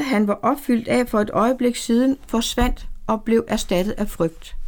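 A woman narrating a story aloud in a calm, measured way. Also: fairly high pitch, creaky. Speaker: audiobook narrator. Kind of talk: scripted narration.

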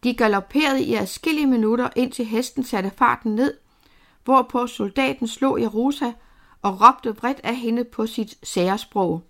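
Female audiobook narrator, steady measured delivery, voice a little high. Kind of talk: scripted narration of a novel.

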